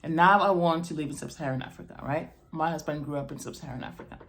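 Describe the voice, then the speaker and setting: A Moroccan woman with a deep voice talks rapid-fire and unrehearsed to camera as a video blogger. She explains things and keeps checking in with the listener, asking "okay?" and "right?".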